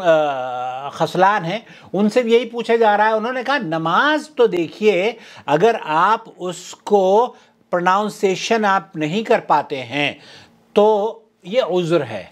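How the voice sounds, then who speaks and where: Male preacher, high-pitched, earnest explanatory lecture delivery. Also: expressive. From South Asia. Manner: earnest explanatory tone, addresses "brothers and sisters". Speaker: Islamic preacher. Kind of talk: religious lecture in Urdu.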